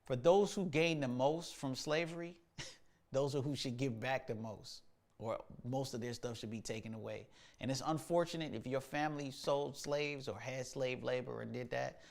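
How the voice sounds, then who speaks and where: Medium in pitch and creaky, this man's voice moves at a normal speed. He's a musician and show host on a casual livestream, chatting loosely and slangily about music practice while thinking out loud, full of fillers.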